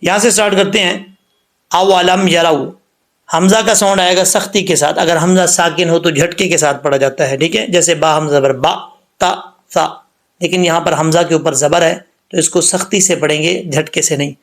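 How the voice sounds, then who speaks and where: A man teaching Quran recitation rules, explaining letter by letter and slowly drawing out the recited words. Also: on the high side, fairly even intonation, fairly bright tone. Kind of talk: tajweed lesson with slow recitation.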